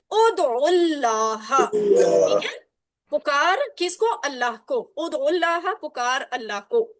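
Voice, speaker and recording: A woman's voice: sits high, no echo, clean studio sound. A woman teacher explaining grammar patiently and drilling phrases again and again with her class. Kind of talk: online class lesson.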